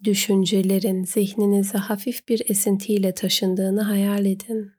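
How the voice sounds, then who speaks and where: Woman doing guided meditation, gentle and unhurried, pretty flat steady tone, leaves pauses. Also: medium pitch, husky.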